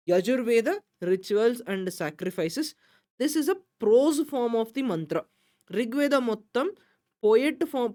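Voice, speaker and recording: A woman tutor talks through exam material at a mid-range pitch. She hurries through the Telugu stretches, then slows and spells out each point in English. Her tone is explanatory, and she keeps flagging what will be asked. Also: a little mellow. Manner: switches between Telugu and English, fast in Telugu and slow, deliberate in English; explanatory, stresses which points are important. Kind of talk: recorded exam-prep lecture.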